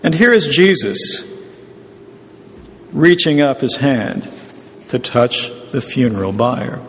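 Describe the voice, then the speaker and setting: A man preaching a sermon in a measured, explanatory teaching tone. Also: mid-range voice, big pitch swings, big-room sound, slight background noise.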